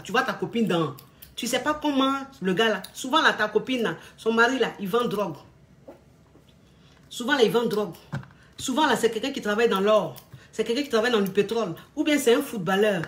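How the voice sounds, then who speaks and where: A woman relationship coach giving blunt, scolding advice to couples in a casual, lively monologue. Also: mid-range voice.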